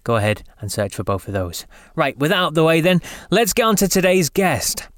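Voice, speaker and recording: An English podcast host with a slight Scottish lilt reads a scripted intro to his rock podcast, then chats casually with his guest, chatty, upbeat and quick to laugh. His voice is a little high, sing-song, a bit bright and fairly quick, recorded with clean studio sound and no echo.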